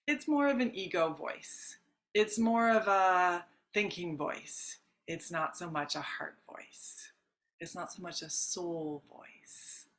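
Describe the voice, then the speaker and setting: A middle-aged woman, a self-love coach, talking gently and reassuringly in a live-streamed coaching session, chatting with her viewers. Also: mid-range voice.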